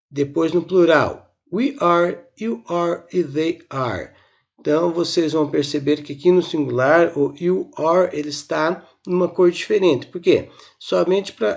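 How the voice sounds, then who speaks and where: A man teaching a recorded grammar lesson, slowly explaining step by step and drilling examples, from Brazil. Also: fairly high pitch, a little mellow, dull audio. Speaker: English teacher.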